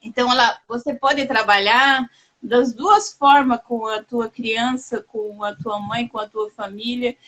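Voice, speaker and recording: A woman hosting a casual live chat, talking in a warm, halting way with many restarts and fillers. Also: fairly high pitch, fairly even intonation, poor audio. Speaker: host.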